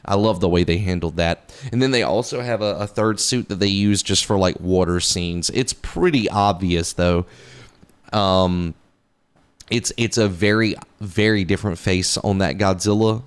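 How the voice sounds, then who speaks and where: A man's voice: sits low, normal speed, smooth. A man giving a casual, rambling movie review, full of fillers and restarts, enthusiastic and a little profane.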